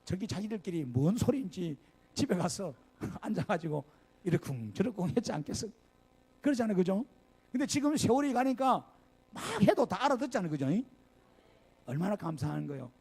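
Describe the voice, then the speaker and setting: Older male pastor, Gyeongsang accent, sermon, gravelly, husky, rising and falling pitch, chatty asides, rhetorical questions. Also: fairly quick. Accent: Gyeongsang Korean. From Gyeongsang region, Korea. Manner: lively, conversational preaching with asides and rhetorical questions. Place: church sanctuary.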